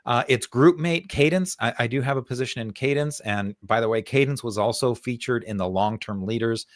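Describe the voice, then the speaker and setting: A man walks through stock charts at an everyday mid pitch, trading in steady, conversational analysis. He circles back on his words and leans on fillers as he thinks aloud. The sound is dry and close, with no room around it. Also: a little fast, no echo. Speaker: co-host, stock market analyst.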